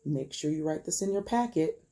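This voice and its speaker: With a low-pitched voice at normal speed, a woman teacher reads a picture book aloud to young children, telling it in a gentle, expressive way and asking her pupils questions.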